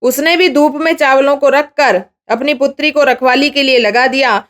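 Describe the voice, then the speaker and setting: A woman teaches a textbook lesson in a high, clear voice. She explains it line by line and keeps stopping to ask her students questions. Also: moderate pace, fairly bright tone. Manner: explains line by line, often asking the class questions. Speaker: Sanskrit teacher.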